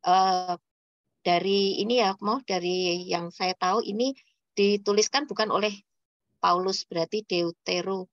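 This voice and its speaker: A woman's voice: medium pitch, fairly even intonation, unhurried, dry recording, dull audio. A woman asking a question politely and a little hesitantly in a group discussion.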